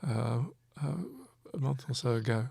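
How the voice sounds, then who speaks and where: A man's voice: mid-range voice, fairly even intonation, normal speed, vocal fry, warm tone, no echo, clean studio sound. A man co-hosting a casual live question-and-answer chat, talking hesitantly with many fillers and restarts. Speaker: co-host.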